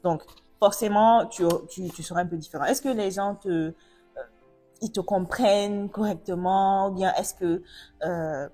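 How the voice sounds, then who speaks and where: A woman's voice: mid-range voice, unhurried, dark tone, soft background music. A woman from Africa hosting a casual interview, chatty and asking long, rambling questions. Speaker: host.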